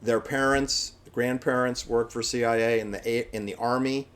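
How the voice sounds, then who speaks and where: A man's voice: mid-range voice, fairly even intonation, moderate pace, fairly bright tone, clean tone. A man with an American accent delivers an opinionated, improvised monologue, making blunt, dismissive assertions and repeating phrases for stress. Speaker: solo commentator.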